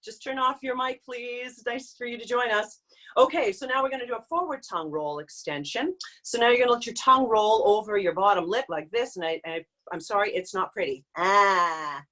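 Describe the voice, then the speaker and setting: A woman with a fairly high voice runs a live online singing lesson. She explains warm-ups in a friendly teaching tone and belts out sudden hoots and calls as demonstrations. The sound comes through a video call. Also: brisk. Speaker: vocal coach.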